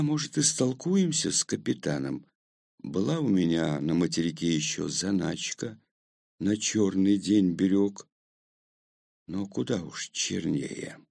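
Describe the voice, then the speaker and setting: Slow, gravelly male audiobook narrator. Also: fairly low pitch, a little mellow, no echo, clean studio sound. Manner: slow, measured storytelling. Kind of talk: first-person audiobook narration.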